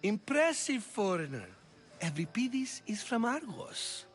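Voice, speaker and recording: A vain, pompous old-world dramatist. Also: male voice, high-pitched, big pitch swings, unhurried. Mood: scheming. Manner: pompous, self-admiring, grand. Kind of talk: video game character dialogue.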